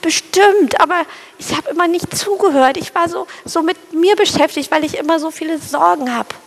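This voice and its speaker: A woman's voice: very high voice, moderate pace, gravelly, slight background noise, pitched above the performer's own voice. A woman voicing a small, timid male sparrow who frets and worries in anxious, whiny questions.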